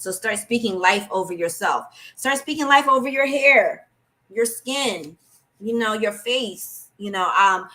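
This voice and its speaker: A woman speaking on a live stream, giving an inspirational spiritual talk and breaking into gentle singing. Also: medium pitch. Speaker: guest speaker.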